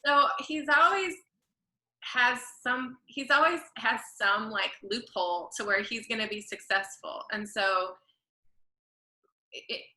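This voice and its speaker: A woman with a somewhat high, slow, pushed and bright voice tells a long story as a podcast guest, rambling chattily and correcting herself as she goes. She is a florist and creative director, and this is a casual storytelling interview. The sound is roomy and the recording rough.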